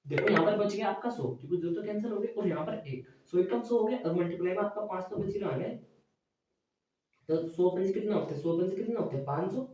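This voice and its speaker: A male math teacher lecturing in a classroom style, asking his students questions and answering them himself, often checking with a quick "okay". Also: high-pitched, mellow, dull audio. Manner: repeats "theek hai" as a check. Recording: very echoey room, mic far away.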